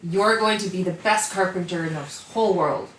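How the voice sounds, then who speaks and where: Woman, podcast guest, lowish voice, deadpan teasing, far from mic, echoey room, faint noise. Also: brisk. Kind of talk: casual chat.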